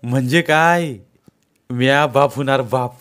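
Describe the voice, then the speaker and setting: A man's voice: mid-range voice, slow pace, a bit bright, clean tone. A man voicing an eager young village husband with a rural Marathi accent.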